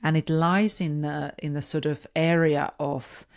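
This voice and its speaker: A podcast host from Finland speaks a little slowly in a low voice with fairly even intonation. Her informal solo monologue is hesitant, and she frequently rephrases and repeats words mid-sentence.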